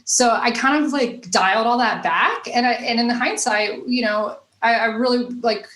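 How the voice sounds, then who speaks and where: In a relaxed interview chat, a woman from Nashville, Tennessee, appearing as a guest comedian, tells her stories in a rambling way full of "like" and "you know," with a faint Southern accent. Her fairly high, slightly bright voice moves at a moderate pace, with roomy echo around it.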